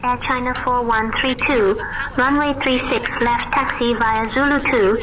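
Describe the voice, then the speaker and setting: A woman's voice: a little high, steady tone, a little slow. A woman working as ground controller, speaking clipped phraseology through an aviation radio. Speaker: ground air traffic controller. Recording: muffled noisy aviation radio.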